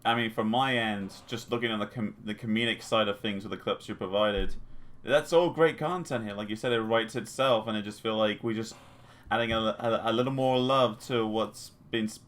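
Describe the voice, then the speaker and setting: A man's voice: on the low side, fairly even intonation, normal speed, fairly bright tone. A young man co-hosting a podcast in casual chat, easygoing, with short replies. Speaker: podcast co-host.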